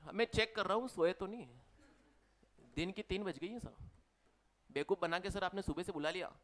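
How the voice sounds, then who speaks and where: Bright-voiced Indian commerce teacher. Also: male voice, high-pitched, brisk. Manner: chatty, teasing, mixes Hindi with English terms. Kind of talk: live class revision lecture.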